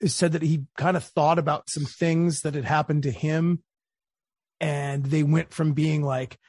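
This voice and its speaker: A man's voice: fairly high pitch, unhurried, no room sound, studio quality. A man interviewing a guest in a casual way, telling anecdotes and acting out quotes. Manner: casual, animated storyteller, acts out quotes. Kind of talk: conversational interview.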